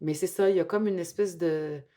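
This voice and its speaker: Woman in her fifties with a Montreal accent and a lowish voice, musing in a documentary interview. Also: steady tone, a little fast, mellow. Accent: Montreal Quebec French. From Quebec. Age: 50s.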